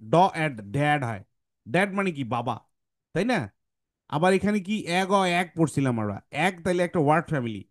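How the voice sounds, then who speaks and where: A man teaching phonics, asking and answering his own questions and sounding out letters slowly. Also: high-pitched, dry recording, clean studio sound. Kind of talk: explanatory lesson to students.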